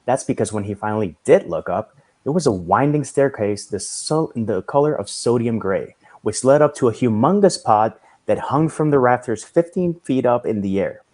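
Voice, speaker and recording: A man reading a story aloud in a measured storytelling manner. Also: mid-range voice, expressive, darkish tone. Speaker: reader.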